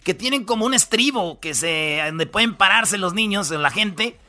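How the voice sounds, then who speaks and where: A man's voice: high-pitched, expressive, moderate pace, bright, forceful tone. A man with a Mexican Spanish accent hosting a radio comedy show, rambling through the news in slangy, jokey storytelling. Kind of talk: comic news rundown.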